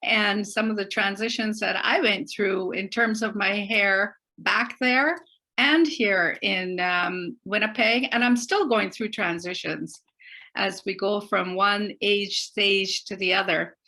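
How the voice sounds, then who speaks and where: A middle-aged woman from Barbados hosting a community talk show, speaking slowly and carefully with many fillers. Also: medium pitch, pushed and bright. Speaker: host.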